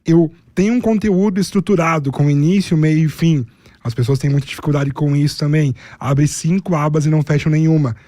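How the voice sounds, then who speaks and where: A man's voice: a little high, fairly even intonation, fairly quick, warm tone, no echo, studio quality. A man with a Brazilian accent, a public speaking coach, explaining his methods methodically, step by step, as an interview guest. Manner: methodical, explains in numbered steps and lists.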